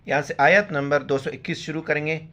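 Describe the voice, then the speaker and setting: A man teaching Quran reading, with slow drawn-out recitation and quick spoken explanations in between. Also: on the high side, fairly even intonation, bright, forceful tone. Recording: slightly dull lo-fi audio.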